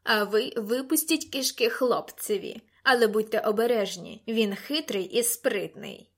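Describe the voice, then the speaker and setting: A woman's voice: on the high side, expressive, measured pace. A woman reading an audiobook and voicing a sly, rat-faced male villain who hisses his threats with gloating zeal.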